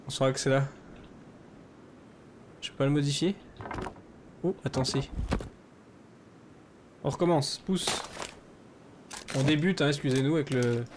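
Chatty gamer over rainy game sound. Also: male voice, medium pitch, normal speed, long pauses, a little hiss or hum. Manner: chatty, rambling with many fillers, bursts into loud excited shouting. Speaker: gaming YouTuber. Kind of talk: solo survival game let's play commentary.

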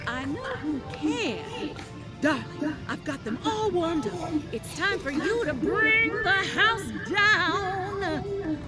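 Gushing showbiz diva. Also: female voice, very high-pitched, animated, slow, heavily acted. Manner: theatrical, gushing. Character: flamboyant showbiz woman calling everyone darling. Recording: game audio under loud music.

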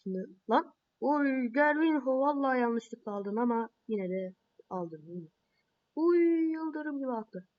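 Woman, fairly high voice, excitable play-by-play, frustrated outbursts, dull lo-fi recording. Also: normal speed. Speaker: mobile game player. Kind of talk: playing and commenting on a mobile football game.

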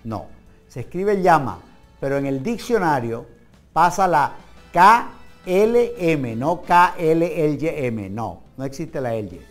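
A man with a Venezuelan accent hosts a comic TV talk show and reads out word trivia. His voice sits a little high. He teases his co-workers with quick asides, then slows down to stress single words, and faint music plays behind him. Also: sing-song. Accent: Venezuelan Spanish. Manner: playful and teasing, jumps between fast asides and slow stressed words. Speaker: TV show host.

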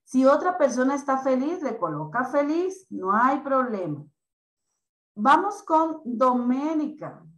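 Slow, patient woman teacher in echoey room. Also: high-pitched, sing-song. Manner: slow, patient, drawn-out explanations to children. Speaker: primary school teacher. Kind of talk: online class for children.

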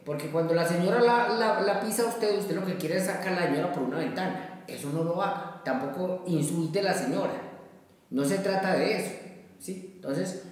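Echoey man explaining a self-help exercise. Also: high voice. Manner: measured, explaining with everyday examples and frequent "¿sí?". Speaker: therapist giving a daily exercise. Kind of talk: spoken self-help talk. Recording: very echoey, roomy, slightly distant from the mic.

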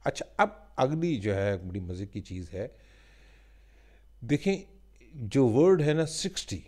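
Slow, patient Pakistani male teacher. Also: medium pitch, big pitch swings, darkish tone. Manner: reads English slowly word by word, explains in Hindi-Urdu; repeats filler "theek hai ji" often. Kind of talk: workbook lesson walkthrough.

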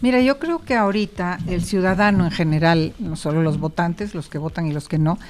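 A middle-aged Mexican woman with a fairly low voice for a woman. She speaks earnestly, offering advice into a close studio mic. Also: brisk, darkish tone, slight background noise. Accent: Mexican Spanish. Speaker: panel guest, business founder. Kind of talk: casual panel discussion. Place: radio studio.

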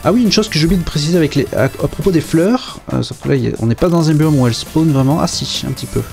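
A man's voice: fairly high pitch, rapid-fire, vocal fry, a little mellow, faint music behind. Chatty French man narrating gameplay. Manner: chatty, hesitant, many fillers and self-mocking asides. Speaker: game video presenter. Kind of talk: casual gameplay commentary.

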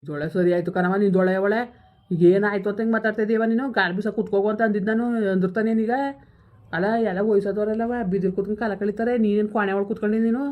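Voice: mid-range voice, steady tone, rapid-fire, natural voice. A performer playing a grown son in a rural comedy skit, pleading with and placating his angry mother. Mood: exasperated. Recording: dull lo-fi recording.

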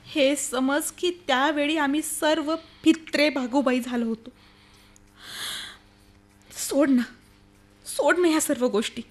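An anguished young woman in an old-fashioned radio play. Her voice is high and emotional. She speaks in halting, dramatic phrases, weighed down by grief for her sister. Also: fairly even intonation. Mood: resigned. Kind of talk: radio play acting, old radio show manner.

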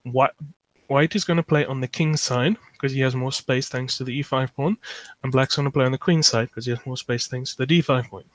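Teaching chess live on an online call, a man from South Africa thinks aloud and responds to chat, filling frequent pauses. He has a mid-range voice with fairly even intonation. The desktop-mic recording is close and dry, with no echo.

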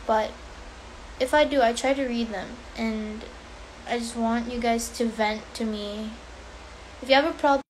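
A woman talking straight into her phone on a casual livestream, chatty and reassuring as she answers questions from fans. Her voice sits a little high, with a faint hiss behind it. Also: low-quality recording. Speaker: social media personality on a livestream.

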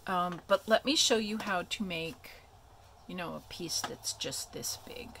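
Slow, gravelly woman teaching a craft. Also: lowish voice, a little hiss or hum. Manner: relaxed, chatty, many ums and asides. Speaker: craft video host. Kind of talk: casual craft tutorial.

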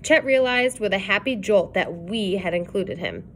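A woman reading a novel aloud in an even, clear narrating voice. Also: mid-range voice, moderate pace, slight background noise. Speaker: reader.

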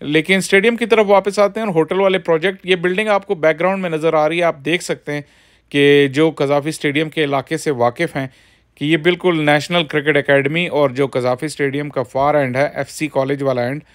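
A man's voice: on the high side, steady tone, fairly quick. Man narrating a casual vlog. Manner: conversational, explanatory, frequent filler phrases. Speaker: cricket vlogger.

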